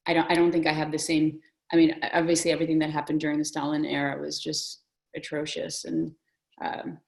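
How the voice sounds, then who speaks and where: A woman's voice: low-pitched, completely flat delivery, a little fast, gravelly, poor audio. A woman from the Soviet Union in a casual film discussion, talking thoughtfully and hedging her opinions. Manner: thoughtful, hedging, restarts often. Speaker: discussion guest.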